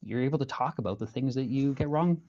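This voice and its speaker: A man's voice: mid-range voice, fast talker, dark tone. Earnest reflective man, dull lo-fi sound. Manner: earnest, reflective, restarts phrases while searching for words. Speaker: interviewed musician. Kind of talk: casual interview chat.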